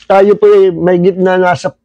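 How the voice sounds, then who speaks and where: An older man with a Filipino accent, a pastor telling stories in a livestreamed Bible study sermon, mixing English phrases into his talk and crying out loudly at times. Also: sits high, little pitch movement, normal speed, dry recording, dull audio.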